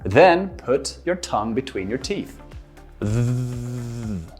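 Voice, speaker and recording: An English pronunciation teacher giving a beginners' lesson, modeling sounds slowly with exaggerated emphasis and deliberate pauses. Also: medium pitch, big pitch swings, faint music behind. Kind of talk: instructional lesson to camera for beginners.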